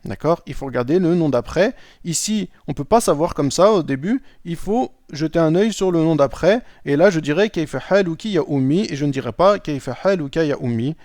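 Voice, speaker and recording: Male teacher, slightly high voice, dry close mic, patient lesson delivery. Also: lively intonation, fairly quick, few pauses, a little mellow, no room sound. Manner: checks in with "d'accord?" often. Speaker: Arabic teacher. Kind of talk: explaining a lesson.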